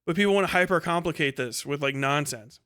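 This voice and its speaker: On a livestream, an American host with a quick pace and a voice on the high side, a bit bright, answers chat in an unscripted rant. He's exasperated, argumentative and profane, bluntly repeating points for emphasis.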